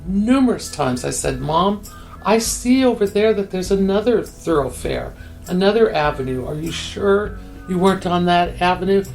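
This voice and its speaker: A woman's voice: on the low side, moderate pace, vocal fry, faint music behind. An older woman being interviewed, telling a story candidly and acting out the quoted dialogue. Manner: animated, acts out quoted dialogue.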